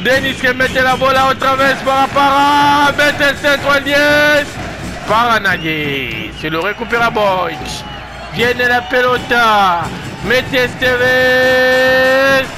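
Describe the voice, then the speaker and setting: A man giving excited play-by-play football commentary of a video game match, given to shouted, repeated goal calls. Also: extremely high pitch, slow pace, over music, a crowd in the background.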